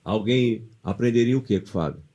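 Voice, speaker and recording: A man's voice: lowish voice, fairly quick. A man with a Brazilian Portuguese accent co-hosting a motivational podcast, telling stories and asking rhetorical questions in casual chat. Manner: animated storyteller, rhetorical questions. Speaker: podcast co-host.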